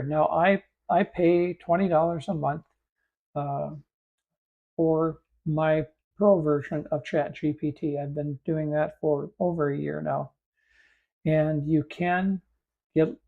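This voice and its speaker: A man's voice: on the high side, warm tone, dull audio. A man in his fifties, froggy-voiced from allergies, talking through a beginner's computer tutorial with fillers and restarts. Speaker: host and AI instructor. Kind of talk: screen-share tutorial narration.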